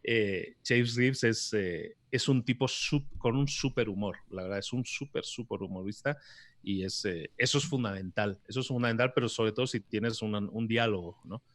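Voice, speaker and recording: A man, a podcast guest explaining his methods in a lively, gesturing way into a podcast mic on an arm. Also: on the low side, normal speed, no room sound. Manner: animated, explanatory, gesturing while speaking. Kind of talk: conversational interview. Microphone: podcast mic on an articulated arm.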